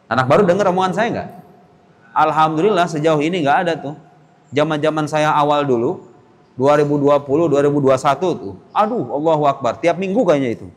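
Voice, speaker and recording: A young man teaching a religious lesson to boarding school students in a mosque, talking directly to them and acting out parents and children in quick little voices. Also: fairly high pitch, in a large hall.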